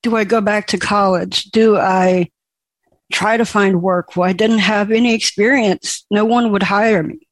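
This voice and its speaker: Slow, emotional woman telling her story. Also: medium pitch, fairly even intonation, no echo. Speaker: speaker sharing a personal story. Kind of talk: personal testimony.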